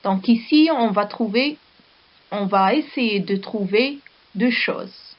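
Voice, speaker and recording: A woman teaching a primary school lesson with a Moroccan French accent, dictating words slowly and repeating each one. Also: medium pitch, muffled recording. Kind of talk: slow recorded classroom lesson.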